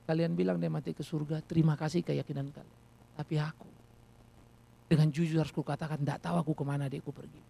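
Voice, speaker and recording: A middle-aged man preaching a sermon as a pastor, telling personal stories in a lively, animated way. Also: a little high, quick pace. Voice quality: gravelly.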